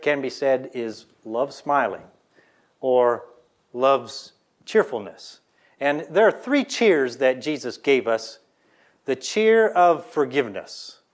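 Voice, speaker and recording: A man preaching a sermon, earnestly leading the congregation to repeat lines after him. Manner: earnest preaching with swings between loud emphasis and soft low lines; leads the congregation in call-and-response. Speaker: pastor.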